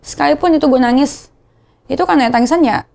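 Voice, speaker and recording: A young woman speaks with a Jakarta slang accent in a casual confessional vlog. Her voice sits a little high, and she talks in an emotional, rambling way, circling back and repeating her words. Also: quick pace, creaky, darkish tone. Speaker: vlogger.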